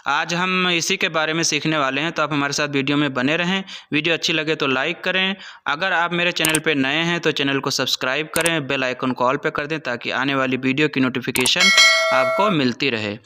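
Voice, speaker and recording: A man hosting a language lesson, saying each phrase slowly and repeating it for learners, with quicker chatty asides in between. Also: medium pitch, sharp tone. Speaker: Arabic teacher and channel host. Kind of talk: spoken-language lesson in Hindi.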